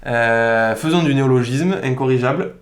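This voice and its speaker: A man from Provence with a Provençal accent, a podcast guest telling stories in an animated, informal, slangy way. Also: medium pitch, moderate pace. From Provence, southern France. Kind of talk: casual podcast conversation. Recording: roomy echo.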